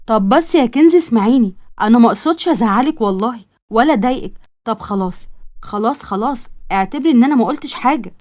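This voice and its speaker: A woman's voice: fairly high pitch, lively intonation, fast talker, a little mellow, lightly acted. A woman with an Egyptian accent voicing an earnest young man who courts a girl, pleading and reassuring. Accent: Egyptian Arabic.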